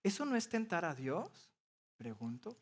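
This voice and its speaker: Man, pastor, sermon, relaxed explanatory delivery, fairly high voice. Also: a little slow. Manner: conversational, explains step by step with everyday examples.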